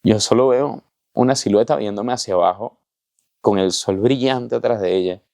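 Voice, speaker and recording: A man's voice: on the low side, moderate pace, gravelly, darkish tone, dry recording, clean studio sound. A man giving a personal faith testimony, telling his story with emotion and acting out the voices in it. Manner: emotional storytelling, with vivid reenactment of dialogue. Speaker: testimony speaker.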